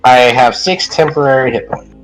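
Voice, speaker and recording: A man playing a tabletop game, talking in halting starts while he checks rules. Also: mid-range voice, faint music behind, poor audio. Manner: halting, asks rules questions. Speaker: player.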